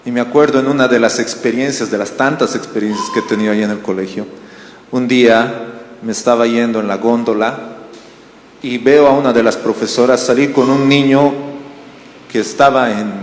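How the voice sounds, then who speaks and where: A male pastor from Bolivia delivers a sermon at an ordinary mid pitch. He tells stories and keeps asking the congregation questions. His voice carries long reverb through a roomy church hall over a faint background murmur. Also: moderate pace, a little hiss or hum. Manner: animated storytelling with questions to the congregation.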